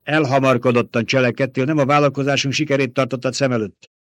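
A harsh, domineering baron barks demands in an audiobook, as a male narrator puts him on. His voice comes out louder and higher than plain narration, snapping and impatient, and the recording is dry and close. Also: little pitch movement, dry recording, lightly acted. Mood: commanding. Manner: sharp, commanding, snapping.

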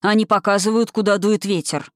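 A woman narrator voicing an imperious, scornful male wizard in an audiobook, speaking slowly and with a drawl. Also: medium pitch, fairly even intonation, dry recording, studio quality, lightly acted.

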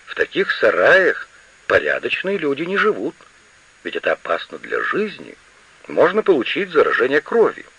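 A grumpy old woman who orders everyone about and scolds without letup, read by a man. The voice is bright and a little husky, with wide swings in pitch. It comes through a muffled, lo-fi radio recording. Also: wildly swooping pitch, moderate pace, exaggerated voice. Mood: scolding. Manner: scolding, imperious. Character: grumpy, fussy older woman, a mother-in-law.

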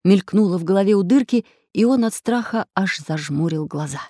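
A woman reading a children's adventure story aloud with expressive storytelling. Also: mid-range voice, normal speed, dry recording, clean studio sound. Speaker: narrator. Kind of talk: children's audiobook narration.

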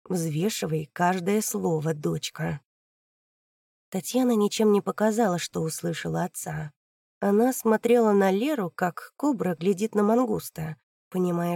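A woman narrating a crime novel audiobook in an even, measured way. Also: medium pitch, vocal fry, no room sound, studio quality.

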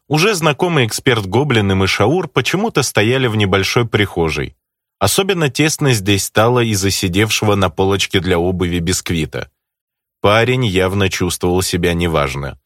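A man narrating a first-person audiobook in an expressive, storytelling way. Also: on the low side, no room sound, studio quality.

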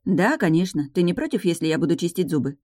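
A woman's voice: on the low side, sing-song, fast talker, mellow, no echo, studio quality. A woman voicing a blunt, practical young witch heroine in a matter-of-fact way. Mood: plain. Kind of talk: audiobook narration.

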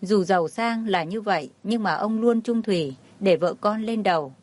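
A woman's voice: medium pitch, moderate pace, darkish tone. A woman reading a dramatic family story aloud as a storyteller, voicing every part with little change to her voice. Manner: reads all the figures herself, barely changing her voice. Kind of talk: scripted narration.

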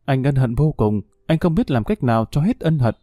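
A man voicing a gentle young soldier in a read-aloud story, speaking softly and earnestly with a warm, dark tone. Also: mid-range voice, lively intonation, a little fast, no echo, clean studio sound, natural voice. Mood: remorseful. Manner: soft, earnest dialogue reading.

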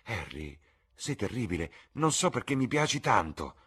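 A man voicing an earnest, impulsive young man in an audiobook reading, with a husky voice and an eager, emphatic delivery. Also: fairly low pitch, sing-song, moderate pace, a bit bright, voice pushed up, exaggerated voice.

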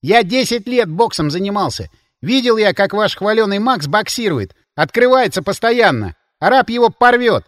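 A male narrator voicing a nervous, defensive young soldier in a high, pleading voice. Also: lively intonation, moderate pace, a bit bright, dry recording, clean studio sound. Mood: pleading, heated. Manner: high, whiny, pleading delivery. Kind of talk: audiobook character voice.

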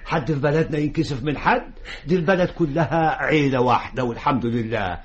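A husky, hot-tempered village father. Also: a little high, a little fast. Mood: scolding. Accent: Egyptian Arabic. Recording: dull lo-fi radio recording.

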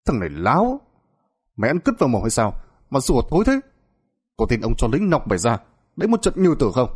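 A man's voice: medium pitch, huge pitch swings, quick pace, slightly rough. A man voicing an arrogant, coarse village chief who barks insults at his servant in a spoken folk tale. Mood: angry.

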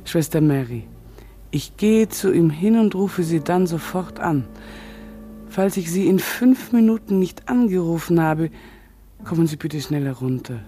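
An actress in a radio play voicing a nurse, uneasy and hushed. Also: female voice, lowish voice, expressive, unhurried, soft background music.

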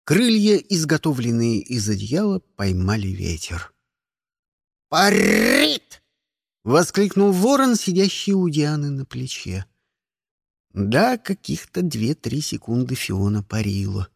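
A man narrating a fantasy story in the first person, wry and expressive. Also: medium pitch, measured pace, vocal fry, husky, no room sound, studio quality. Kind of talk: audiobook narration.

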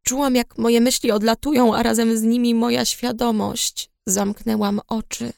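A woman reading a novel aloud in first person, in a subdued, low-key storytelling manner. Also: level tone, moderate pace, creaky, a little mellow, dry recording, studio quality. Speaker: audiobook reader. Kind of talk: first-person scripted narration.

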